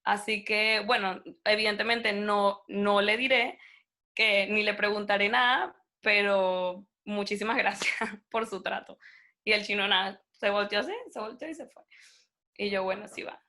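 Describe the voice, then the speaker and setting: This interview guest, a young native Spanish speaker, has a mid-range voice and a moderate pace. She tells her story breezily and animatedly, performing the voices of those she describes.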